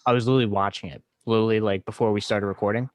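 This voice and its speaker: A man's voice: on the low side, steady tone, racing, no echo. A man hosting a podcast, chatting casually and bluntly while reacting to old episodes, laid-back and poking fun at himself. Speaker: podcast host.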